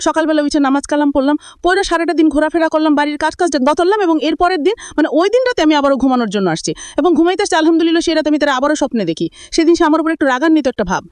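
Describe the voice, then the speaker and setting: Man with a high voice, rambling first-person storytelling, very dry close sound. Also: rapid-fire, hardly any pauses, no echo. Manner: rambling, full of repeated phrases and restarts. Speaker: storyteller recounting his experience.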